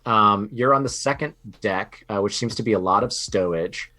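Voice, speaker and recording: A man running a tabletop game as game master, describing scenes in a halting way full of ums and restarts. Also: on the low side, pushed and bright.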